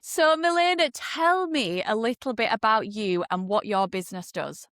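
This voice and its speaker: A woman's voice: fairly high pitch, moderate pace, a bit bright, no echo, clean studio sound. A woman with a Yorkshire accent hosting an interview in a chatty, self-deprecating way. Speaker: podcast host.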